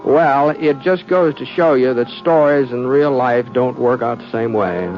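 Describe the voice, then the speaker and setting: This dull vintage radio recording, with music, features a man narrating as its lead: a folksy, gentle, shy frontier fellow. His medium-pitched voice sounds close to everyday speech, and his American Western delivery is hesitant, drawn-out and homespun. The storytelling has a wry edge.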